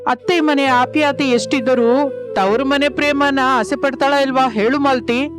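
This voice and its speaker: A voice actor dubbing a gentle, apologetic young husband in a cartoon story, with music under the voice. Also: high-pitched, fairly even intonation, a little slow.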